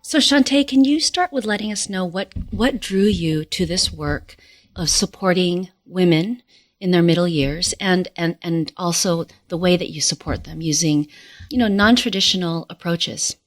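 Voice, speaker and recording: A woman hosting a podcast interview, speaking in a measured, earnest way. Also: fairly low pitch, no room sound, clean studio sound. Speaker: podcast host.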